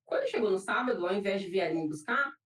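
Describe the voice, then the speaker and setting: A woman's voice: mid-range voice, expressive, fast talker. A young woman with a Brazilian accent giving an emotional personal testimony in church, repeating phrases for emphasis. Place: church hall. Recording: roomy, from a distant mic.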